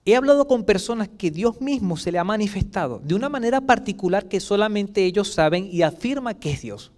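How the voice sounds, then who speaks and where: A man with a Chilean Spanish accent preaching a sermon as pastor, swinging between loud outbursts and soft asides and acting out quoted voices. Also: high-pitched, lively intonation, brisk.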